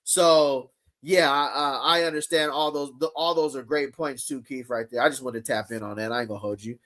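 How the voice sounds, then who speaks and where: A man's voice: medium pitch, steady tone, brisk, fairly bright tone. A man hosting a live fan show in a casual, laid-back way, using slang and reading chat comments aloud. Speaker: show host.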